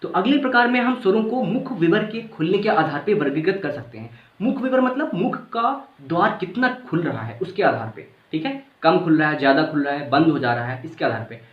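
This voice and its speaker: A man's voice: on the high side, lively intonation, a little fast, hardly any pauses. A male teacher giving a casual grammar lesson, sounding out vowels aloud and checking that the class follows. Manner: casual, repeats points, checks understanding. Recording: echoey room, dull lo-fi sound.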